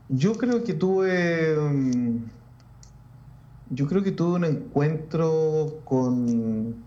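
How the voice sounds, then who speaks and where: A Chilean man, a Lutheran pastor, talking reflectively in a casual interview with many restarts and pauses. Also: medium pitch, dark tone, echoey room, muffled recording, a little hiss or hum.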